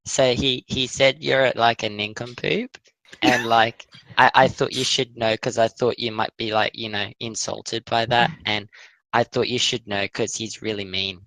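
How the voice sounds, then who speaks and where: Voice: mid-range voice, steady tone, unhurried, fairly bright tone, no room sound, poor audio. A young player rambling in character, hesitant and full of fillers and restarts.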